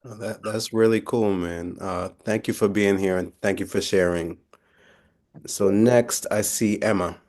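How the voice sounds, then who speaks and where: A man's voice: fairly low pitch, fairly even intonation, a little slow, a little mellow. A man hosting a casual video call, thanking each guest and calling on the next speaker. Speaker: host of the session.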